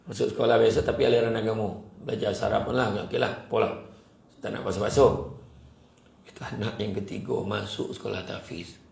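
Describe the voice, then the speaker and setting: A man giving a humorous religious talk, telling lively stories and acting out what people say. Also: fairly low pitch, fairly quick, creaky. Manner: lively storyteller, acts out quotes, jokes often. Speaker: preacher. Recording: echoey room with faint ambience.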